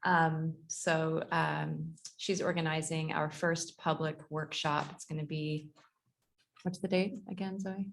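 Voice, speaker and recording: A young woman with a lowish, gravelly voice gives a chatty work update on a video call. She talks casually and fills gaps with ums. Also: flat delivery, slow. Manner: chatty, laughing often, many fillers. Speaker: transit agency staff.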